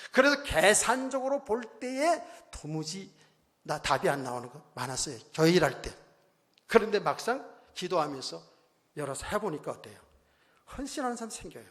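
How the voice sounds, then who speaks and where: A male pastor preaching a sermon, exhorting the congregation with rhetorical questions and calls for amen, swinging between loud bursts and quiet low phrases. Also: very animated, moderate pace. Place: church sanctuary. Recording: long hall reverb.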